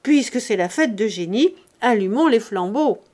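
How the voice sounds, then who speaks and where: A woman doing a gruff, stingy old master. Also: fairly high pitch, animated, moderate pace. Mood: gruff, bossy. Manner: loud, brusque, bossy. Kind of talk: audiobook character voice.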